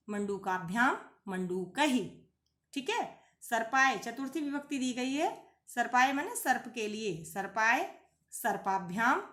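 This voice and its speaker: A woman leads a classroom-style lesson, methodically posing questions and then answering them herself. Her voice sits a little high. She slows down to recite word forms one by one, and the recording has a noticeable room echo. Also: a bit bright. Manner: recites Sanskrit word forms slowly and deliberately. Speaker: Sanskrit teacher. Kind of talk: classroom lesson explaining a textbook.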